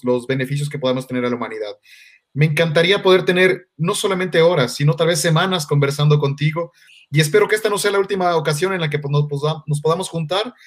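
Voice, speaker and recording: A male interviewer with a somewhat high-pitched voice. He is effusive and admiring, and he restarts his phrases now and then. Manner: warm, effusive, with halting restarts. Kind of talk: conversational interview.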